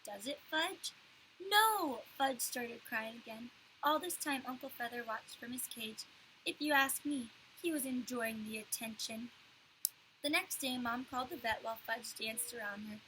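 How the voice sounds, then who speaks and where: A woman reading a chapter book aloud to children, pausing to explain words in a clear storytelling manner. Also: on the high side, sharp tone, slight background noise, low-quality recording.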